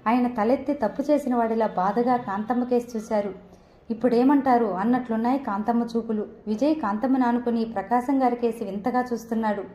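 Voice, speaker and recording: A woman narrating a novel in a steady storytelling manner. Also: a little high, a little fast, few pauses. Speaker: audiobook narrator. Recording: dull, roomy echo.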